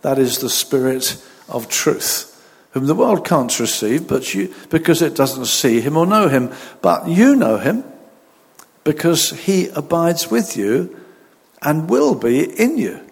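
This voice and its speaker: A man, a pastor at a pulpit microphone, reading scripture, praying and preaching in a measured, deliberate way. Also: fairly high pitch, very animated, gravelly, slightly rough. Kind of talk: sermon with scripture reading and prayer. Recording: long reverb of a large hall.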